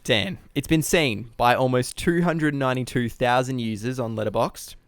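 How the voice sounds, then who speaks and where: A man's voice: mid-range voice, moderate pace, dry recording. A man co-hosting a casual comedy film podcast, reading out ratings with a playful, teasing manner and laughing along. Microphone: podcast mic, remote recording.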